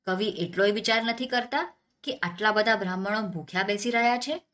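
A woman's voice: mid-range voice, sing-song, unhurried, fairly bright tone. A woman voicing a proud, irate old male Brahmin scholar who scolds indignantly in a storybook tale. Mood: angry.

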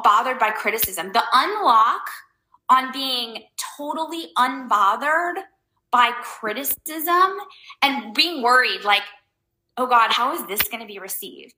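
A woman's voice: high voice, bright, forceful tone, echoey room, rough recording. A woman hosting a casual advice talk for her viewers. She rambles loosely, leans hard on fillers like "um" and "like", and makes blunt, emphatic points. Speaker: host giving life advice.

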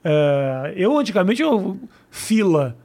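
A man's voice: high-pitched, big pitch swings, slow, mellow. A man, hosting a casual chat in a laid-back, swearing way. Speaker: host.

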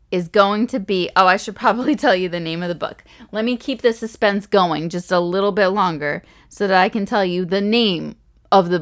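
A young woman hosting her own podcast, pregnant and chatting on her own in a gushing, easygoing way. Her voice sits a little low for a woman. She restarts her sentences often and laughs softly as she talks. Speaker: podcast host. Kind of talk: casual solo podcast talk.

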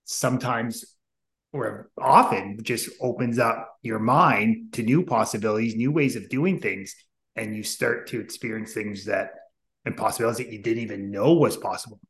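A man's voice: lowish voice, normal speed, fairly bright tone. Enthusiastic man in an echoey room. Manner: enthusiastic, affirming. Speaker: podcast host. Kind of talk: casual interview conversation.

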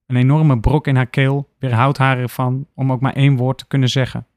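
A man narrating an audiobook story in a steady, even delivery. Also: medium pitch, no echo, studio quality.

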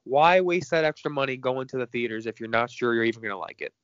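A stuffy-nosed podcast co-host chats casually and frankly about movie news, laughing between points. His medium-pitched voice is fast, a bit bright, and clean in tone, though the audio is dull with no room sound.

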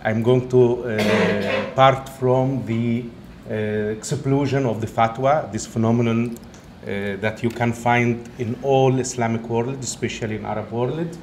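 A man's voice: mid-range voice, fairly even intonation, darkish tone. Egyptian-accented male lecturer in an echoey room. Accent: Egyptian, with some Italian. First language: Arabic. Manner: halting non-native English phrasing. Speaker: guest speaker, professor. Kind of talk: academic lecture to an audience. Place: indoor event room, talk being filmed. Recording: roomy echo, faint background noise.

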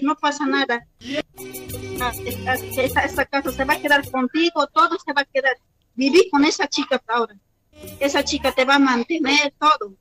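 A woman's voice: sits high, fairly bright tone, low-quality recording. A woman playing a wronged wife in a comedy radio sketch, reproachful and repeating herself. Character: wronged wife, hurt and pleading.

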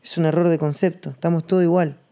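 Man, Rioplatense accent, warm mellow voice, fairly high, slangy reflective monologue. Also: flat delivery. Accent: Rioplatense Spanish. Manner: rambling, slangy, thinking aloud with pauses. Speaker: podcast host.

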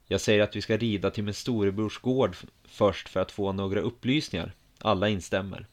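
A man with a fairly low voice narrating a story in the first person. He tells it calmly, at a measured and quiet pace.

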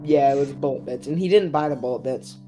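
A woman player trading excited jokes at a tabletop game. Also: very deep voice, fast, faint music behind. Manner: excitable, jokey, shouts in excitement. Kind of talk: casual game banter.

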